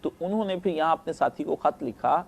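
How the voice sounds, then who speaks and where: A man's voice: on the high side, vocal fry. A man from Pakistan, giving a conversational Islamic lecture and checking in with his listeners. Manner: conversational storytelling lecture, asks listeners "right?". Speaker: religious lecturer.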